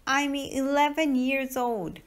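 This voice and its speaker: A woman in her forties, an English teacher, reading short practice sentences for children slowly and carefully. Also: high voice, fairly even intonation. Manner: slow, careful, clearly spoken model sentences.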